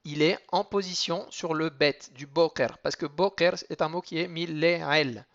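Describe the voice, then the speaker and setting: A man's voice: a little high, fairly even intonation, creaky, fairly bright tone, lo-fi sound. Man teaching cantillation, chanting examples. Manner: explains rules step by step, then chants Hebrew examples slowly. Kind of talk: explanatory lesson with chanted examples.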